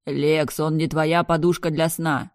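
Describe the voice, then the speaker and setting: A frantic young brother, raised and urgent, shouting warnings at his sister, as a woman reads him in a storybook. His voice is loud and pleading, and the recording is dry with no room sound. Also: low voice, flat delivery, measured pace, dry recording.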